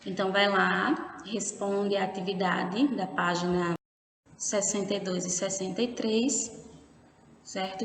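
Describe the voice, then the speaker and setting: Slow, patient Brazilian woman teacher. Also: medium pitch. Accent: Brazilian Portuguese. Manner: slow, patient explaining, often checking with "certo?". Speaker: primary school teacher. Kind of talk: recorded remote lesson. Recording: echoey room with faint background noise.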